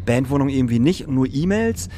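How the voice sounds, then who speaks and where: A man tells a story in an animated way during a casual chat, swearing offhandedly now and then. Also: medium pitch, fairly quick, slight background noise. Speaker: podcast co-host, artist manager.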